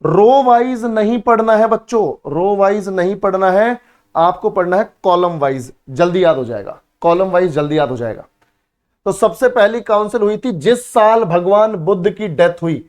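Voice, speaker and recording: A man's voice: high-pitched, expressive, moderate pace. A man teaching an exam-prep history lesson at a board, repeating key words and asking his students questions that he then answers himself. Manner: repeats key words for drilling, calls students beta and bhai.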